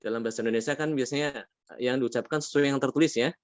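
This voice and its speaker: A man teaching a tajweed class, patient, asking his students questions and drawing out Arabic words slowly. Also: mid-range voice, steady tone, dry recording, lo-fi sound. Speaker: Quran recitation teacher. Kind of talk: tajweed lesson.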